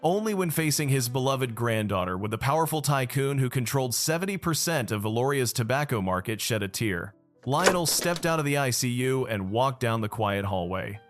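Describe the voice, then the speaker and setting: A man's voice: mid-range voice, lively intonation, normal speed, soft background music. A man narrating a dramatic story recap in the first person.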